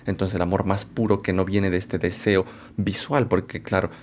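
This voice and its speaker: A man presenting a philosophy lecture, unhurried and thinking aloud, often checking in with rhetorical questions and correcting himself as he goes. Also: low voice, flat delivery, a little mellow, slight background noise. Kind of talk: explanatory lecture to camera.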